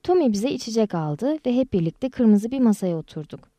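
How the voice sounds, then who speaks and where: A woman narrating an audiobook in an even, measured reading style. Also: fairly high pitch, no room sound, studio quality. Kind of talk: scripted storybook narration.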